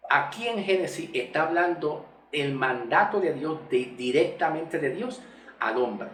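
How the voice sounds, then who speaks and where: Man, Bible teacher, slow deliberate teaching, echoey room, distant mic. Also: on the high side, animated, a bit bright, a little hiss or hum. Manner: repeats and spells out key words. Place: room with a whiteboard.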